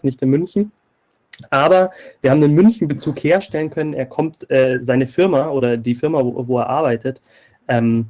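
A man's voice: medium pitch, mellow. A man hosting a podcast meetup, introducing a guest with some hesitant fillers.

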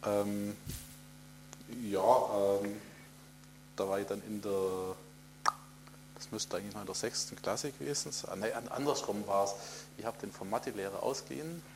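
A man's voice: fairly low pitch, steady tone, normal speed, pauses often, darkish tone. Man in an echoey room, faint hum. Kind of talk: casual retro computing chat.

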